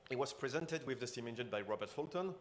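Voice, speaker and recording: A man's voice: medium pitch, animated, fast talker, slight background noise. Man giving an earnest keynote. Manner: earnest, with frequent fillers and restarts. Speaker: conference speaker. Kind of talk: keynote talk. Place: conference stage.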